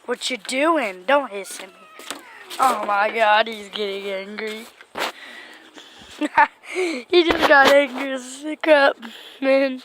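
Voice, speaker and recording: Vlogger lady talking slow to her pets, bit high, faint hiss behind. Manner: coaxing talk to pets, laughing. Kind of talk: casual pet vlog. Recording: faint background noise.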